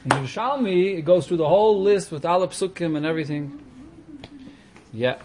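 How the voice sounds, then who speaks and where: A man's voice: sits high, lively intonation, a little fast, a little mellow, slight background noise. A man explaining religious texts in an informal lesson, posing questions and answering them as he goes. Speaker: teacher of a Talmud class.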